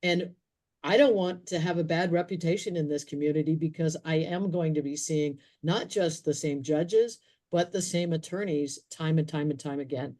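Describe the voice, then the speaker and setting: A woman's voice: deep voice, moderate pace, warm tone. A woman attorney speaking earnestly on a panel, with some fillers. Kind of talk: panel discussion remarks.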